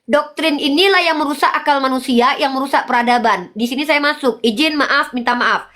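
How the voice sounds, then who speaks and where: A woman's voice: high-pitched, fairly quick, fairly bright tone. A woman arguing in a heated debate, lecturing insistently and pressing the same questions again and again.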